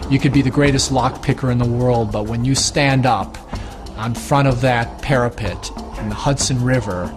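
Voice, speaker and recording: A man, an escape artist, explaining his underwater escapes in a measured, matter-of-fact documentary interview. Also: mid-range voice, over music.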